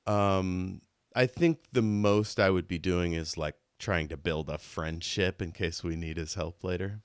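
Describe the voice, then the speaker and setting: A man's voice: low-pitched, a little slow, clean tone, no room sound, studio quality. A man playing a tabletop game, chatting casually and telling rambling stories. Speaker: player.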